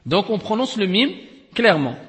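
A man giving a recited-text lesson in a step-by-step teaching style, often checking that his students follow and chanting examples slowly. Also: high-pitched, very animated, fairly bright tone, long reverb tail. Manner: explains step by step, often checks with "d'accord?" and "clair?". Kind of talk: recorded tajwid lesson.

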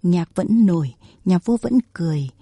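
Husky woman telling a historical tale. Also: fairly low pitch, expressive, mellow, no room sound. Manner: measured, dramatic storytelling. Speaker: narrator. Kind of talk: historical story narration. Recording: dry close recording with faint music.

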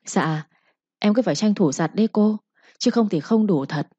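A woman's voice: medium pitch, normal speed, mellow, husky, dry recording, highs cut off, close to an everyday voice. A woman voicing a young servant girl who answers her mistress humbly and pleads with her. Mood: wheedling.

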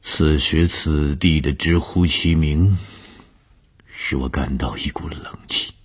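A man narrating a first-person audiobook story, slow and often breathy, sometimes half-whispered. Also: rumbling low, steady tone.

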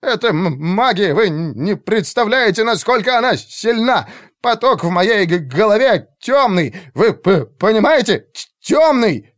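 A man voicing a terrified male mage who stammers and pleads in panic, in a dark fantasy audiobook. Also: high-pitched, sing-song, measured pace, no echo, studio quality, voice pushed up. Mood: panicked.

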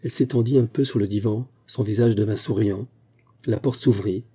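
A man reading a short story aloud in a measured storytelling way. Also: fairly low pitch, mellow, husky. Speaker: reader.

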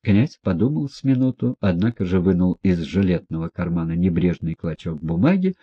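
A man's voice: low voice, very animated, moderate pace, husky, lo-fi sound. A man narrating a classic novel as an audiobook, reading expressively. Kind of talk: scripted literary narration.

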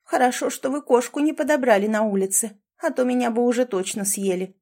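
A woman's voice: fairly high pitch, unhurried, a little mellow. A woman voicing a cheeky, snippy little female mouse in a storybook.

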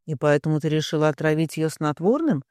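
A stern man speaks in a low, even voice full of cold threat, as a narrator puts him on. His fury stays controlled and quiet, heard dry and close in an audiobook. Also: fairly quick, clear, resonant tone, no room sound, lightly acted. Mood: cold menace. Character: stern, coldly furious man.

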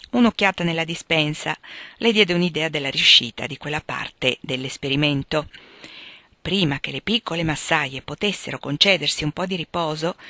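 A woman reading a classic novel aloud in a calm, even storytelling manner. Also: lowish voice, no echo. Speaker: reader. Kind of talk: audiobook narration.

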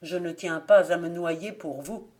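A weary old peasant man who speaks bluntly and tiredly, as voiced by a woman reading the story. The voice sits fairly low, in a storybook legend. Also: unhurried, darkish tone, lightly acted.

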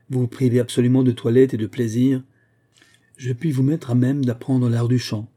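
A man voicing a kind older woman who speaks calmly and firmly, in an audiobook. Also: mid-range voice, husky, lightly acted. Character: kind older woman, calm and firm benefactor.

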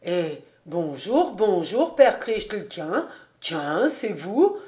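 A woman's voice: fairly low pitch, animated, slow, a little mellow. A woman voicing a cheerful, eager man who exclaims heartily in an audiobook. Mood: hearty.

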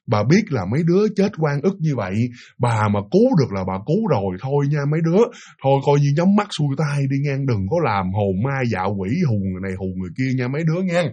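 A man with a Southern Vietnamese accent voicing a frightened, pitying old grandmother who murmurs softly under her breath. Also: medium pitch, sing-song, fast, breathy edge, muffled recording. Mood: pleading.

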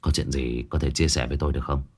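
A man voicing a sly, smirking male head chef who quietly coaxes a coworker to open up. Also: steady tone, fast, husky, heavily acted. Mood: sly coaxing. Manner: low, quiet, coaxing.

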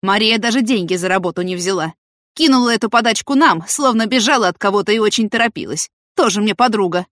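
A woman's voice: mid-range voice, fast talker, fairly bright tone, no echo, clean studio sound, close to an everyday voice. A woman voicing an indignant, suspicious female farm worker who complains a lot.

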